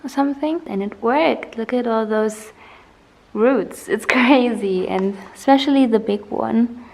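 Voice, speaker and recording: Chatty young woman with a gravelly edge. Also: a little high, a little slow. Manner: chatty, laughs often, many ums. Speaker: artist vlogger. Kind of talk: casual studio vlog. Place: home art studio.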